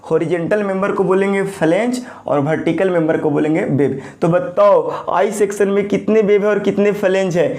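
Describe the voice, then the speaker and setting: Man, lecturing teacher, high-pitched voice, slightly hoarse from a sore throat, repeats each term as a question. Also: normal speed, few pauses, a little mellow. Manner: repeats key terms as call-and-response questions. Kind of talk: classroom lecture.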